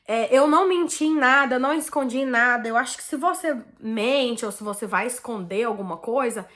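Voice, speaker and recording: A woman's voice: a little high, fairly quick. A Brazilian woman vlogger with a Brazilian Portuguese accent, chatting casually and animatedly as she tells her viewers a personal story. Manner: chatty, animated, peppered with "tipo assim" and "né".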